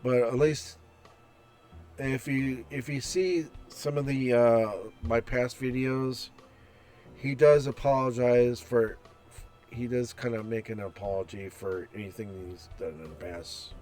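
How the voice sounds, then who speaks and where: Dude narrating a visual novel, reads slow, chatty asides, faint music underneath. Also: male voice, mid-range voice. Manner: slow, chatty, reads text aloud with restarts. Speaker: gameplay narrator. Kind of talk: reading game text and commenting. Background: soft background music.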